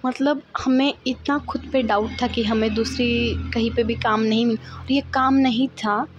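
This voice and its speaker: A young woman in her twenties telling a storytime vlog story in a lively, dramatic way. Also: fairly high pitch, unhurried, highs cut off, faint music behind. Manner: animated, dramatic, acts out others' lines. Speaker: vlogger. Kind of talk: casual storytime.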